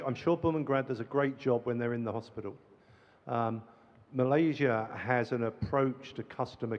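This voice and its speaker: A man on a conference panel speaking conversationally and with enthusiasm. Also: medium pitch. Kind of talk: panel discussion. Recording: muffled hall reverb.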